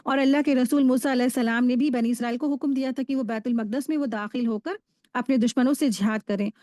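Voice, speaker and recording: Higher-voiced woman teaching a religious lesson. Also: fast talker, dry recording, studio quality. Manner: explanatory, steady, with frequent restarts. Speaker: Quran course teacher.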